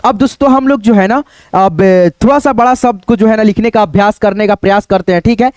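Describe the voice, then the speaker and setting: A man with a fairly high voice teaches Hindi writing in an online lesson. He dictates words slowly and patiently, spelling them out syllable by syllable and checking in with his students again and again. The sound is dry and close, with no room echo. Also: a little mellow. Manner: keeps checking in with "ठीक है" and "दोस्तों".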